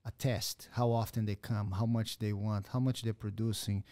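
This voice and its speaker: In a martial arts gym's podcast studio, a jiu-jitsu instructor hosts an interview using a boom-arm studio mic and headphones. His low, mellow male voice shows little pitch movement, and he speaks haltingly, searching for words, with non-native grammar.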